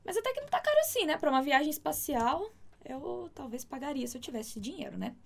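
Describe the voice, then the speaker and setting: A Brazilian woman teaching Spanish in an online lesson, explaining patiently and repeating words slowly so learners can practise. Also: high voice, big pitch swings, gravelly. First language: Portuguese.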